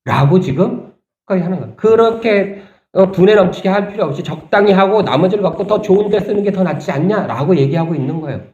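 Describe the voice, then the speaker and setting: A man preaching a sermon as pastor, talking conversationally and asking the congregation rhetorical questions, turning animated and indignant at points. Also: high voice, fairly quick, reverberant, lo-fi sound. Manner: animated, rising sharply when voicing indignation. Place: church sanctuary.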